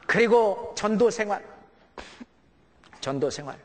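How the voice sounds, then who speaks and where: Lively, animated Korean preacher man. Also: sits high, measured pace, big-room sound. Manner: conversational preaching, asking listeners "예?" and "응?"; acts out quoted voices of family members. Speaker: pastor. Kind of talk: sermon on raising children.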